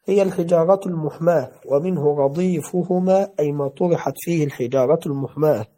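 Reading slowly and deliberately from a classical text, a male teacher explains each term and circles back over words, repeating them in a measured, careful way. His voice is fairly high for a man, with a mellow, darkened tone.

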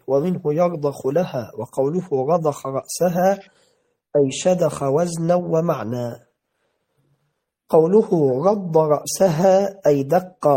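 A man's voice: a little high, dark tone. Man reading a classical text carefully. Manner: measured, careful reading with repeated words. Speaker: teacher.

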